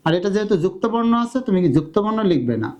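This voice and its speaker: A young man teaches grammar step by step to prepare students for an exam, his voice high for a male but warm and mellow. He repeatedly asks his students questions and answers them himself, speaking at a racing pace with big swings in pitch.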